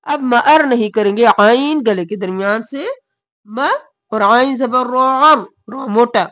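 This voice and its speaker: A woman teaching Quran recitation, chanting verses in long drawn-out tones and then explaining the pronunciation in quick spoken asides. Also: fairly high pitch, a bit bright, dry recording.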